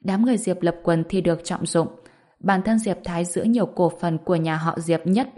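A woman's voice: lowish voice, moderate pace. A woman reading a serialized novel aloud as narrator, raising her voice for the characters' lines. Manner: steady storytelling, lifting her voice for the characters' lines. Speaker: audiobook narrator.

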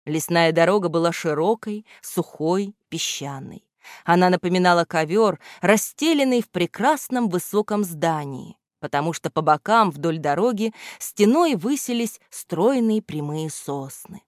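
A woman narrating a children's storybook in a measured, expressive way. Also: lowish voice, no echo, clean studio sound. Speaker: audiobook narrator.

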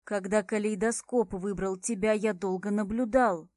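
A woman's voice: mid-range voice, fairly even intonation, normal speed, darkish tone, no echo, clean studio sound, close to an everyday voice. Woman reading as a cold, manipulative man. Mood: coaxing. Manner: smooth and level, with hidden menace. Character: cold, manipulative adult man, a controlling curator.

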